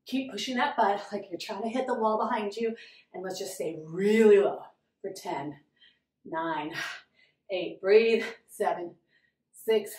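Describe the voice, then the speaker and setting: A woman's voice: mid-range voice, recorded from a distance. Breathless woman counting reps in an echoey garage. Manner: upbeat, encouraging, counts reps aloud. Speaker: fitness instructor. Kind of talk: workout instruction with counting. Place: home garage.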